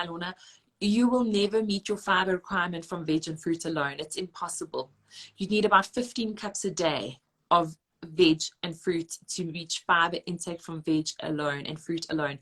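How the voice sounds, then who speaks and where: A woman who talks fast and emphatically as an expert guest, restarting her sentences as she goes. Her voice sits a little low. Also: a bit bright. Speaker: registered dietitian guest. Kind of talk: conversational expert explanation.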